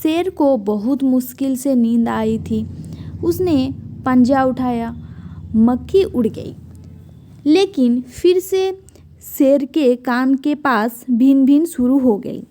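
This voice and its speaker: A woman's voice: high voice, slow, warm tone, a little hiss or hum. A woman teacher reading a children's story aloud and then retelling it in simple everyday words.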